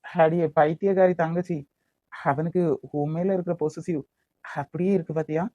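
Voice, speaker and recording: A man's voice: a little high, fairly even intonation, normal speed, dark tone, no echo, muffled recording, lightly acted. A man voicing a protective, teasing older brother in a cartoon, with a Kanyakumari Tamil accent. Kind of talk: amateur cartoon voice acting.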